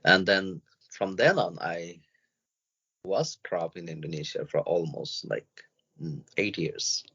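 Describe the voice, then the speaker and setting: A man from Myanmar speaking as an interview guest, in a halting way with many fillers and restarts, on dull lo-fi podcast audio. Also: low voice, a bit bright, breathy edge. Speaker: interview guest, refugee and journalist. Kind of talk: casual interview talk.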